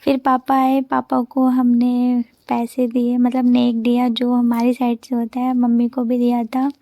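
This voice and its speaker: A woman's voice: a little high, completely flat delivery, measured pace, mellow, no echo. A woman in her twenties narrating her vlog in a chatty voice-over, telling a loose story with many restarts. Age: 20s. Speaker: vlogger.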